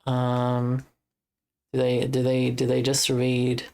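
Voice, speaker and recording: A woman's voice: very deep voice, monotone, takes it slowly, darkish tone. An Australian woman streaming live, chatting casually in a rambling way and reading chat messages aloud before answering them. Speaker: livestreamer.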